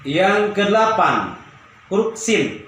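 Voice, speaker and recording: Slow patient teacher in an echoey room. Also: male voice, sits high, big pitch swings, a bit bright. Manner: slow, patient, repeats each sound several times. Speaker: Quran recitation teacher. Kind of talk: tajweed lesson. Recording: very echoey room with faint ambient noise.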